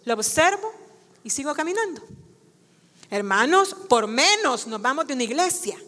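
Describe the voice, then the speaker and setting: A woman's voice: high voice, big pitch swings, moderate pace, sharp tone. A woman preaching as a guest speaker in a church, asking the congregation rhetorical questions and calling them brothers. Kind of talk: sermon. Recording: long church-hall reverb.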